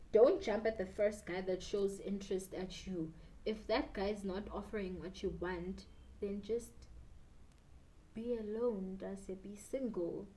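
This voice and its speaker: A South African woman in her twenties talks casually to camera, a little tipsy and rambling. Her voice is dark and relaxed at a medium pitch, slipping between English and Zulu. Faint noise sits behind her in a small room. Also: low-quality recording. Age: 20s. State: slightly tipsy. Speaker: beauty YouTuber. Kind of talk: casual chat while doing makeup. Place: small bedroom indoors.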